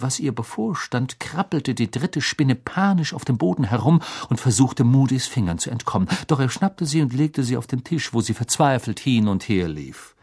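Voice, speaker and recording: A man reading an audiobook as narrator, measured and expressive storytelling. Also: mid-range voice, breathy edge. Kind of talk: scripted narration.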